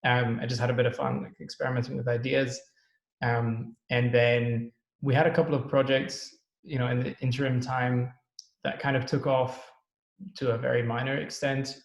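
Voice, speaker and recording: A man from the Netherlands with a gravelly mid-range voice chats casually as a podcast guest. The startup co-founder says um frequently as he thinks aloud during the interview, and the sound is roomy and echoey.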